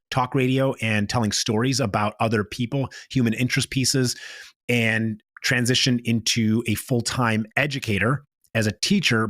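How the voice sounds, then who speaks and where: A man's voice: mid-range voice, a bit bright, no room sound, studio quality. A man hosting a podcast in a prepared recap style while battling a chesty cold and cough, with a lozenge in his mouth. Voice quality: throat lozenge in mouth, mouth noises. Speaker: podcast host. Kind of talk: scripted recap podcast narration.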